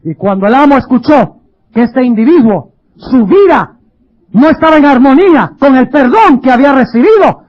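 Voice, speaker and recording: Very high-voiced male pastor preaching. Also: lively intonation, normal speed, dull audio. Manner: emphatic preaching with rhetorical questions. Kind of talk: sermon.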